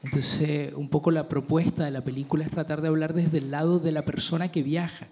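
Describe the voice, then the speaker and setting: A middle-aged Chilean film director answers festival interview questions thoughtfully, pausing often and restarting his sentences. His voice sits on the high side, with a level, warm tone.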